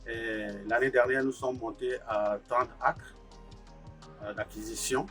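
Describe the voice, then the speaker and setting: Speaking at a measured pace, this medium-pitched man sounds a bit bright, with fairly even intonation. An agricultural technician and farm co-founder from Burkina Faso, he hesitates through an interview testimony with lots of fillers, recorded on a somewhat distant mic over faint music.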